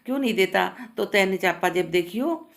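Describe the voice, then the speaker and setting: Lady reading as a sharp-tongued scolding mom from a storybook, plain reading voice. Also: medium pitch, animated, moderate pace, gravelly. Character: angry scolding village mother, middle-aged woman.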